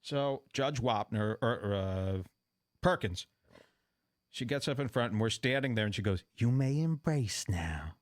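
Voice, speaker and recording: A man's voice: on the low side, measured pace. A man hosting a talk show, telling a comic story in a profane, sarcastic way and mocking the voices of people in it. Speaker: podcast host. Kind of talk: comedic storytelling.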